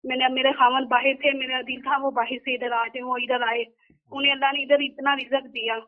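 A woman's voice: sits high, little pitch movement, brisk. A woman calling in over a crackly, unclear phone line, speaking earnestly and pleading, often repeating herself. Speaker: caller. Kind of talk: phone-in call to a spiritual guide.

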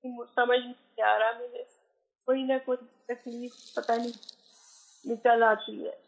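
A woman's voice: on the high side, level tone, slow, gravelly. A worried woman calling in to an advice show, her voice cutting out over a bad phone line. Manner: worried, pleading. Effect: phone line breaking up, voice cutting out. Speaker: caller. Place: calling from abroad. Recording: muffled phone line with dropouts.

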